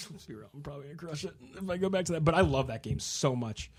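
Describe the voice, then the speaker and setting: A man co-hosting a gaming podcast, chatting casually and rambling, acting out game characters in quick asides. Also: fairly high pitch, lively intonation, husky. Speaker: podcast co-host. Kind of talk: casual chat.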